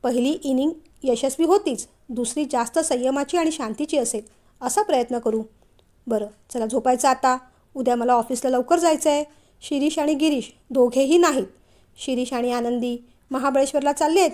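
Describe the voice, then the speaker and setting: Woman doing a middle-aged father, stern, caring, storybook reading, high-pitched, mellow. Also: moderate pace, lightly acted. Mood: gentle. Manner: calm, then scolding.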